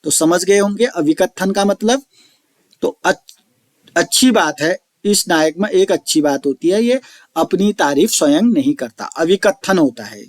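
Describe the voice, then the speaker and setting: A man teaching an online lecture, slowly explaining each term and repeating it, reciting verse lines drawn out. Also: high-pitched, animated, dry recording, studio quality. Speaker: Sanskrit teacher.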